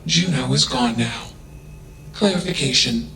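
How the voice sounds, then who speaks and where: Emotionless, literal AI character, played by a man: flat delivery, unhurried and slightly gravelly, labels each statement. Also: mid-range voice. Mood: flat, robotic. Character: emotionless self-aware AI, curious and literal. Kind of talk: video game voice acting. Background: game music.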